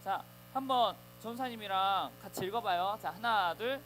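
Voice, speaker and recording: Animated preacher telling children a story. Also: mid-range voice, moderate pace, slight background noise, poor audio. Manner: animated storytelling, acts out voices. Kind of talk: children's sermon.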